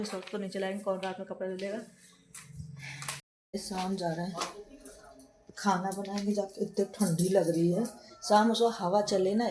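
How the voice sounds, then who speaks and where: Chatty scolding mother in an echoey room. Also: mid-range voice. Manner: chatty and scolding, talks to camera and to her kids. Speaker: mother and home vlogger. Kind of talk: casual home vlog narration. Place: indoors at home. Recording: echoey room with faint noise.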